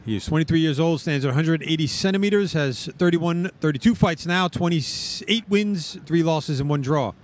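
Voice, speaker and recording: A man's voice: fairly high pitch, normal speed, few pauses. A man giving live, analytical sports commentary as a fight commentator.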